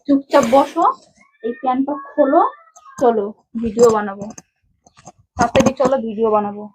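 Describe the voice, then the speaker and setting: A woman's voice: fairly high pitch, moderate pace, a little mellow, slight background noise, low-quality recording. A young woman scolding her husband in a heated domestic argument, repeating herself insistently. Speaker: vlogger's wife.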